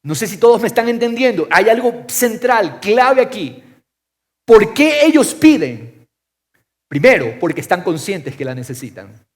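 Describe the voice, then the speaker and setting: Man, pastor, sermon, rhetorical questions, animated pitch, slightly high voice. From Ecuador. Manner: impassioned preaching with rhetorical questions, swinging from loud to soft.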